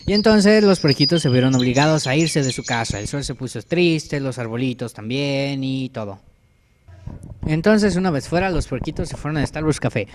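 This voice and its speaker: A man's voice: medium pitch, lively intonation, normal speed, slight background noise. A man with a Mexican accent casually improvising a children's story as he draws, joking and correcting himself as he goes. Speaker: narrator. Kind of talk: improvised storytelling while drawing.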